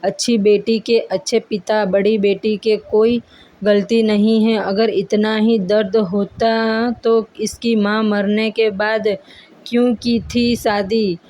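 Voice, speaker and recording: A woman's voice: mid-range voice, level tone, slow, dark tone, lightly acted. A woman voicing a cruel, middle-aged stepmother in a cartoon story, scolding and complaining.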